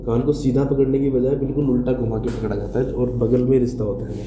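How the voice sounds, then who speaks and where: A man teaching a lesson slowly and carefully, his throat sore. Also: mid-range voice, level tone. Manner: slow, careful explaining with English terms mixed in. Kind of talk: recorded classroom lesson. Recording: echoey room with noise.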